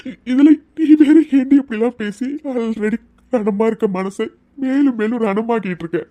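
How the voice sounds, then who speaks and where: A devoted young husband in a cartoon love story, coaxing his wife one moment and breaking down the next. A performer gives him a mid-range, mellow voice. The sound is dry and close. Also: medium pitch, normal speed, dry recording, lightly acted. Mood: crying. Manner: coaxing, then breaking into tears. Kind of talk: cartoon voice acting.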